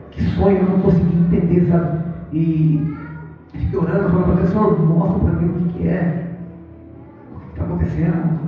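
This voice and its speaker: A man preaching a sermon, telling a story and addressing the congregation as brothers, recorded from far off in a church hall. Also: sits high. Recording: distant, echoey hall, phone-like.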